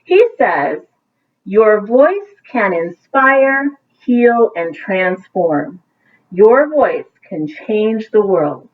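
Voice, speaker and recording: A teacher reads a bedtime story extremely slowly, her medium-pitched voice swinging widely in pitch. She reads the picture book to children with encouraging asides that make things easy to understand, captured in thin, narrowband, phone-like sound.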